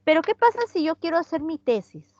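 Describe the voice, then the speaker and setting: A woman's voice: extremely high pitch, big pitch swings, brisk, darkish tone, dry recording, highs cut off. A Peruvian woman with a Peruvian Spanish accent teaching an online chemistry class, chatty, often asking her students questions and answering their comments. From Peru.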